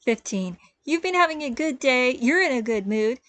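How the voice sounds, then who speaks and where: A woman game master calmly narrating a tabletop role-play scene in a relaxed storytelling way. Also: sits high, moderate pace, no room sound. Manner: descriptive, relaxed storytelling with small restarts.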